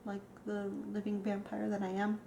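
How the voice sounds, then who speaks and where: A woman's voice: mid-range voice, completely flat delivery, normal speed, gravelly, warm tone, a little hiss or hum. Rambling emotional woman vlogging. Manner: rambling and emotional, with many fillers. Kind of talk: casual vlog. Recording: echoey room.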